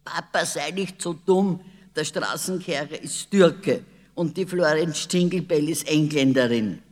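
A man's voice: a little high, expressive, takes it slowly, mellow, voice pushed up. A man doing a bold cheeky girl. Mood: insistent. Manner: insistent, know-it-all. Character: lively cheeky young girl. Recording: long reverb.

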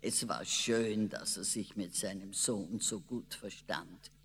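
A man narrating a children's story in a slow, expressive way. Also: fairly low pitch, slight background noise. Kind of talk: storybook reading. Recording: long reverb.

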